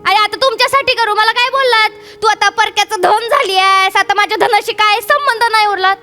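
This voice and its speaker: A woman's voice: very high-pitched, fairly quick. An actress playing a married daughter who complains that her father gave her nothing, in a stage comedy sketch. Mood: resentful. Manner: complaining, emphatic. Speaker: comic actress. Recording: stage with clear music.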